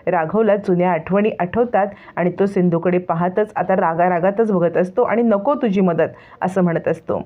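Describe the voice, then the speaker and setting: A woman narrating and retelling the plot of a serial in a steady storytelling manner. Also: lowish voice, moderate pace, few pauses. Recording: tinny phone-like sound.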